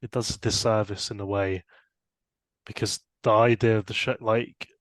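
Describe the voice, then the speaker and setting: A young man co-hosting a casual podcast chat, animated and laughing often. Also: moderate pace, dry recording. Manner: animated, laughs often, rising pitch when excited. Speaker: podcast co-host.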